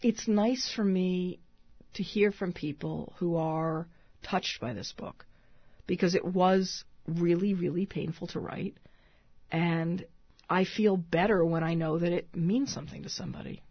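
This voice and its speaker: Woman author guest, radio interview; husky and somewhat low, thoughtful, hesitant phrasing. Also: unhurried, no room sound. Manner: thoughtful, many restarts and fillers. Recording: dull lo-fi radio sound.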